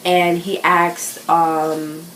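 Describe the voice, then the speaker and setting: A woman's voice: lowish voice, little pitch movement, very slow, fairly bright tone, reverberant, slight background noise, rough recording. A teenage girl chatting to the camera in a vlog, self-conscious and full of fillers. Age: teens. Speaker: vlogger. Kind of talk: casual chat.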